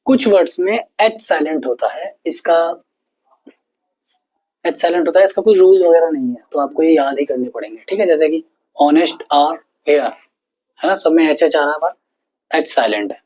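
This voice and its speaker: Husky-voiced teacher drilling exam rules. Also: medium pitch, animated, normal speed, long pauses, a little mellow, low-quality recording. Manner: explains patiently, repeats rules and mnemonics several times; checks in with the listener often. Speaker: exam-prep English teacher. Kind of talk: online exam-prep lesson explaining in Hindi.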